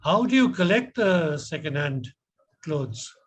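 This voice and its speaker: A middle-aged man with an educated, polished Indian accent, giving measured, hesitant feedback and questions as a competition judge. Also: fairly high pitch, very animated, a little hiss or hum.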